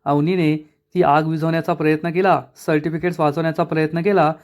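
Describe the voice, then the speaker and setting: A man recapping a TV serial episode in lively storytelling, talking to his viewers as friends. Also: a little high, fairly quick. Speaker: TV serial reviewer.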